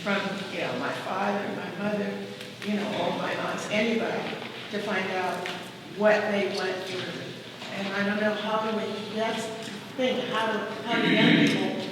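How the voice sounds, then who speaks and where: A woman's voice: medium pitch, normal speed. A middle-aged or older woman talking reflectively about personal matters as part of a discussion. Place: large reverberant room at a public discussion. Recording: very echoey noisy hall, distant mic.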